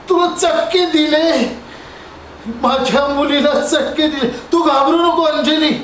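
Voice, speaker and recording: Male actor as a middle-aged father, impassioned, high-pitched, with faint room noise. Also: a bit bright, echoey room, heavily acted, low-quality recording. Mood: worried, soothing. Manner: impassioned, pleading and threatening by turns. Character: anguished middle-aged father defending his married daughter. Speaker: solo amateur actor. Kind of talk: emotional one-man phone scene acting.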